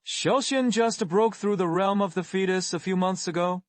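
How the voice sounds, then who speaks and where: A man voicing a proud, fussy, doting Taoist master in an anime dub, giving animated, nagging instructions. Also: high voice, normal speed, no echo, lightly acted. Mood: boastful.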